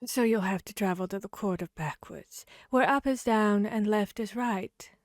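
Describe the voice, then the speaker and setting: A woman's voice: medium pitch, dry recording, studio quality, natural voice. A woman voicing a grinning, fickle cat from Wonderland, playful and riddling, in an ASMR fantasy roleplay. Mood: sly, welcoming. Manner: slow, playful, riddling drawl. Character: grinning Cheshire cat, teasing, fickle, mad Wonderland creature.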